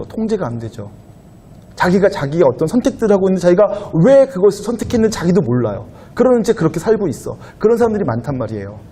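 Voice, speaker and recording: A man pastor giving a conversational sermon to a young adult congregation in a church, at times growing louder and higher as he presses a point. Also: husky. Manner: conversational preaching, rising loud and high when animated. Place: church sanctuary.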